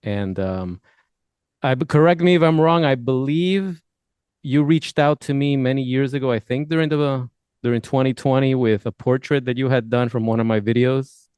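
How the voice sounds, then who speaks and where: Male podcast host, smooth voice, dry close sound, rambling friendly questions. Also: medium pitch, normal speed, a little mellow, no echo. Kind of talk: casual interview hosting.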